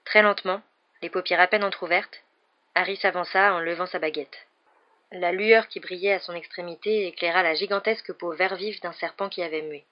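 An audiobook reader narrating a French novel in a steady, measured way. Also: mid-range voice. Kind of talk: scripted narration. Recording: dull lo-fi audio.

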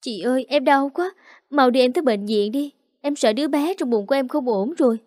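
Casting: woman playing a tearful young pregnant woman, high, whimpering, mellow tone. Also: a little fast, no echo, clean studio sound, lightly acted. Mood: pained. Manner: whimpering, pleading.

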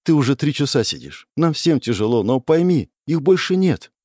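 A man voicing a weary adult demon woman who speaks gently but firmly. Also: a little high, lively intonation, moderate pace, dry recording, clean studio sound, voice pushed up. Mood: pleading.

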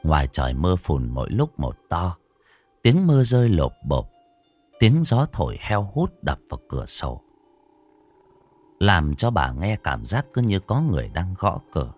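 A man with a deep voice tells a ghost story, his pitch swinging widely as he builds suspense. His delivery is dramatic and scripted, with faint music playing under him. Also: moderate pace. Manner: animated, rising and falling for suspense.

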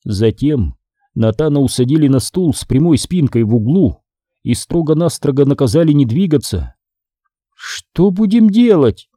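Dark-voiced male audiobook narrator. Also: medium pitch, lively intonation, moderate pace, dry recording, studio quality. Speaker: audiobook reader. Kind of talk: scripted horror audiobook narration.

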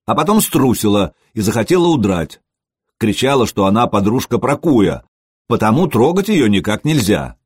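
A man's voice: on the low side, very animated, moderate pace, husky, dry recording, clean studio sound. A man voicing a cocky young warrior who taunts and jeers. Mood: mocking. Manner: taunting, jeering.

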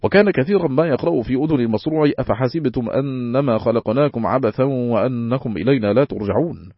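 A man reading a classical religious book aloud in a steady, formal, recitation-like manner. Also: mid-range voice, fast talker, no room sound, muffled recording. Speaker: audiobook reader.

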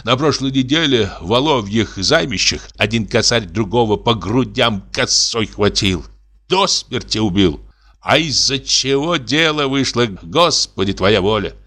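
A man's voice: mid-range voice, lively intonation, measured pace, pushed and bright. A man reading an audiobook voices a timid, pious old male forester who whines and sighs in fright. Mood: pious lament. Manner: whining, sighing, fearful.

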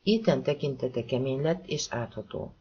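A man narrating a thriller novel as an audiobook, reading calmly and evenly and giving the characters soft voices. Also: mid-range voice, slightly rough. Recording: dull lo-fi audiobook recording.

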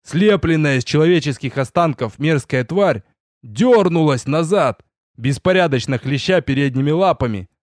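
A man narrating a first-person fantasy story in an audiobook, telling it with lively storytelling and voiced dialogue. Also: on the high side, moderate pace, no room sound, studio quality.

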